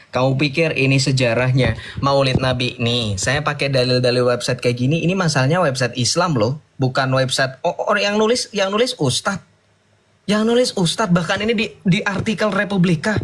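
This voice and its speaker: A man's voice: on the high side, a bit bright. A man debating heatedly, combative and sarcastic, lecturing his opponent and mixing casual slang with formal speech.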